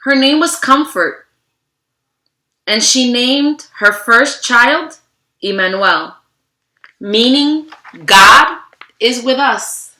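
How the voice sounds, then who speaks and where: A female teacher reads aloud to her students, slow and expressive, with a bright, slightly high voice. She's theatrical, greets the children animatedly and speaks to them directly, in a room with a roomy echo.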